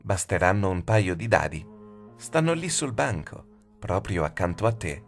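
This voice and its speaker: A man voicing a sinister faceless shadow woman who speaks softly, taunting and cold, in an audiobook. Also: sits low, very animated, normal speed, faint music behind. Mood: triumphant. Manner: soft, taunting, half-whispered. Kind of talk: audiobook character voice.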